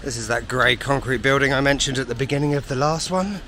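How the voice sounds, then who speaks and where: A man's voice: mid-range voice, quick pace, bright, forceful tone. A man vlogging as he walks through a city, giving casual commentary with wry, self-deprecating asides. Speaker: travel vlogger. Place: outdoors on city streets. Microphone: camera mic while walking. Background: faint street and traffic noise.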